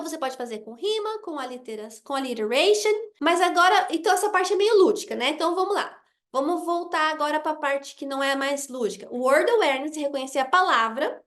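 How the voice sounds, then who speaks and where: A woman teaching early literacy over a video call, explaining step by step and slowing down to model sounds and words. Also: high voice, a bit bright. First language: Portuguese. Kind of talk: online class explanation.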